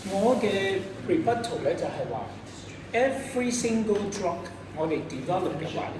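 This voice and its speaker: In a sing-song, medium-pitched voice at normal speed, a debate coach with a Hong Kong accent explains rebuttals and quizzes the students as the class unfolds. Noise and echo fill the recording, taken from a distance in a reverberant room.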